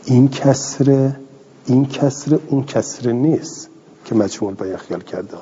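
A man's voice: medium pitch, warm tone, slight background noise. A man teaching a grammar lesson, reading a text aloud and explaining it with questions he answers himself. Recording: dull lo-fi recording with long reverb.

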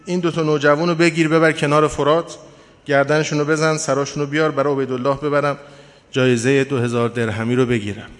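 A man's voice: fairly high pitch, level tone, natural voice. A man voicing a cruel, greedy middle-aged master who coldly refuses mercy, with curt replies. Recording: long hall reverb.

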